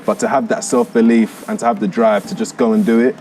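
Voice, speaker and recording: A man gives earnest, measured interview answers in a low voice. The mic picks him up from a distance, with faint background noise. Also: steady tone, darkish tone. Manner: earnest, measured, frequent fillers. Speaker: interview guest.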